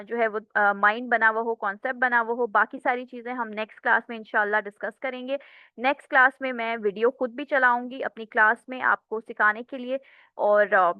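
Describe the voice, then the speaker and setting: A woman's voice: on the high side, smooth, no room sound, narrow, tinny audio. A woman teaching an English lecture, explaining step by step and often checking in with the class.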